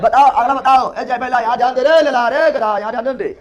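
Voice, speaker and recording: A very high-pitched man runs a lively classroom drill, repeating each question over and over and ribbing the students. A crowd of pupils fills the room behind him and answers in chorus. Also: a little fast, dull audio. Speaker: teacher. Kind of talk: classroom lecture with call-and-response drilling.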